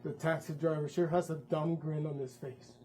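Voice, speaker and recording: A man's voice: fairly high pitch, little pitch movement, moderate pace, darkish tone, slight background noise, rough recording. A man narrating his own story in a one-man stage show, vivid and with wry asides. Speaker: performer.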